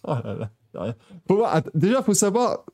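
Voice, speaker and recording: A young man hosts a motorsport podcast in a casual chat full of jokes, laughter and rambling asides. His voice sits high with big pitch swings and a darkish tone, and he talks briskly.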